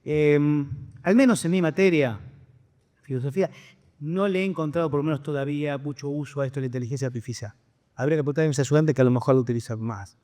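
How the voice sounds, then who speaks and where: A man tells a drawn-out joke to a lecture audience, slipping into the voices of its characters. His voice sits fairly high. The sound carries a long reverb from the hall. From Argentina. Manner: animated, acts out dialogue. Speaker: philosophy professor on a panel.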